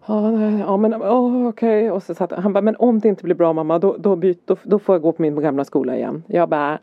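In a casual podcast chat, a Swedish-accented mother and co-host shares family anecdotes, voicing both her son's lines and her own with animation. Her voice is lowish, and the audio is dry, slightly dull and free of echo.

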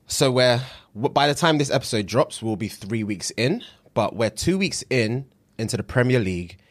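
A young man with a London accent talks casually as a podcast co-host. His pitch moves around a lot, making his ranting lively, and his speech is full of London street slang. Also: normal speed. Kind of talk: casual chat, football rant.

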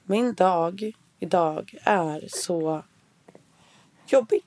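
A woman's voice: lowish voice, mellow. A woman in her thirties co-hosting a casual podcast, talking frankly and plainly and swearing casually. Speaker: podcast co-host.

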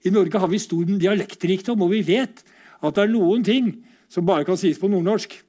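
Talking his way through a slide presentation, a middle-aged Norwegian man keeps his lecture relaxed and chatty, with plenty of rhetorical questions. His voice sits high and has a warm tone.

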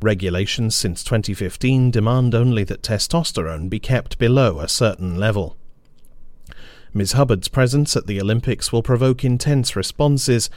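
A man reading a scripted news briefing in a measured, formal newsreader manner. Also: lowish voice, darkish tone, no echo, studio quality. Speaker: news presenter.

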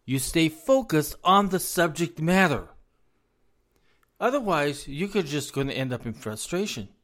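Earnest man, slightly high, hoarse. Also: animated, unhurried, a bit bright. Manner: earnest, repetitive, addresses parents directly. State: losing his voice. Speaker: speaker on parenting. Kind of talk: informal advice talk.

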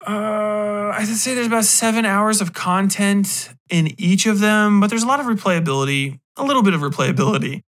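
A podcast host with a high-pitched, fairly bright voice reviews something casually and without a script. He talks at normal speed with few pauses, rambling and emphatic, and throws in profane slang.

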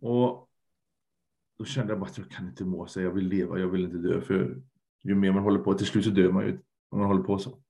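Low-voiced earnest man, reflective. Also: fairly even intonation, creaky, mellow. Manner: earnest, reflective, trails off and repeats words. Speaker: podcast guest, lecturer. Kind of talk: candid conversation.

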